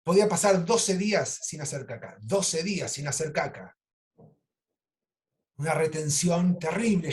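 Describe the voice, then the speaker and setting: A man with an Argentine Spanish accent, a psychoanalyst lecturing over a video call and telling clinical cases in a lively, animated way. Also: sits high. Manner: animated storytelling, acts out quoted lines. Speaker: psychoanalyst teaching an online course.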